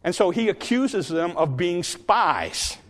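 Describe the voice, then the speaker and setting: A man's voice: high-pitched, big pitch swings, slow pace, fairly bright tone. Man teaching a Bible class in a reverberant room. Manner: storytelling, repeats words when starting sentences. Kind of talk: Sunday school lesson.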